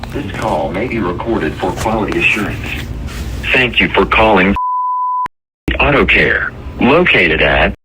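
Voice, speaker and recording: A man's lowish voice reads out a recorded phone menu greeting. The delivery is measured and scripted, like an automated message played when a call connects. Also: animated, noisy background.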